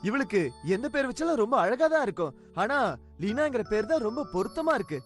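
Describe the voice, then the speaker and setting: Woman playing a high-voiced cartoon dad, doting. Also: very animated, quick pace. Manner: doting and scolding. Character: fond young father, quick to anger. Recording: cartoon dub with faint music.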